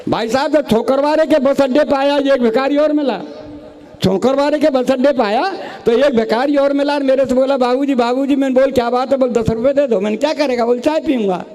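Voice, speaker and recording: A man performs a comic poem on stage, telling his story through quoted dialogue. His voice sits high and sounds mellow and warm. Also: a little fast. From Rajasthan. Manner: storytelling with quoted dialogue, addresses audience as bhai sahab. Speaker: comic poet. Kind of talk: humorous poem recital on stage.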